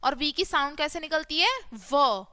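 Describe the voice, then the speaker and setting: A high, bright woman's voice teaching phonics to children at an unhurried pace. She asks a question, then answers it herself, and draws out each letter sound. The recording is close and dry. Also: dry recording.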